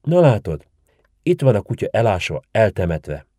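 A man's voice: fairly low pitch, big pitch swings, dark tone, husky, no echo, studio quality. Figure: man voicing an elderly village auntie. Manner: folksy, scolding. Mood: bossy. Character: chatty elderly village woman, fussy and sharp-tongued.

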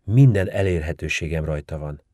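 A man's voice: very deep voice, dark tone, no echo, studio quality. A man voicing a polite, clever young woman who speaks in courteous, formal phrases.

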